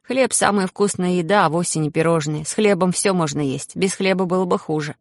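A narrator reading a children's story aloud, giving the characters their own lines with changes in pitch and pace. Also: brisk, no room sound.

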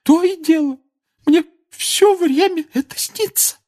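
A man voicing a distraught middle-aged mother witch who cries and pleads in a high, shaky voice, in an audiobook. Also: measured pace, darkish tone. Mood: tearful. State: crying. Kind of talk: audiobook character voice.

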